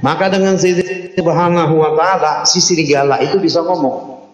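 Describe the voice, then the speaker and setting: A man's voice: a little high, steady tone, fairly quick. A man preaching with a Banjar accent, telling a story with jokes and quizzing the audience at a large religious gathering. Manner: jokes with the audience, asks them questions. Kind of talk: humorous sermon storytelling. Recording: echoey hall, dull sound.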